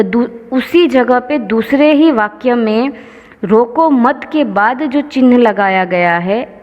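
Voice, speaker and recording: Going over each example with slow, patient care, a woman school teacher explains grammar in a voice that sits a little high. Her words carry a long reverb tail on a dull, lo-fi recording.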